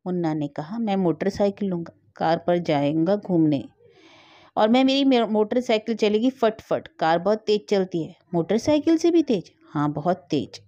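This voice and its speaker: Woman reading a sad family story aloud, mellow and dry, a bit dull sounding. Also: fairly low pitch, animated, moderate pace, no room sound. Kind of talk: scripted story narration.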